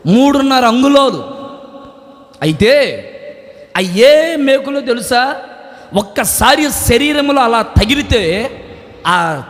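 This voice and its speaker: Impassioned high-voiced preacher in reverberant hall. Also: male voice. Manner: impassioned preaching with rhetorical questions and shouted climaxes. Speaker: pastor. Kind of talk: Easter sermon. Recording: long church-hall reverb.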